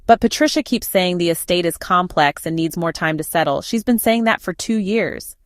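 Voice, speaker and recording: A woman's voice: on the low side, normal speed, no echo, studio quality, close to an everyday voice. A woman reading the lines of a grim, blunt middle-aged aunt who is a nurse, in a storybook reading. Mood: indignant.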